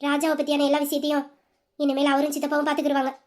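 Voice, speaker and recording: A woman voicing a firm, protective elder sister who gives steady, commanding instructions in an audio drama. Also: high voice, very fast, pitched below the performer's own voice, natural voice.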